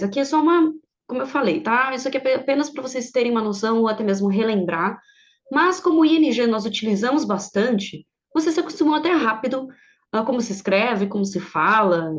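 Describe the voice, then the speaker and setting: A woman whose first language is Portuguese teaches an online English grammar lesson, walking through each rule step by step and often pausing to check the class follows. Her voice sits a little high. The recording is slightly dull and lo-fi.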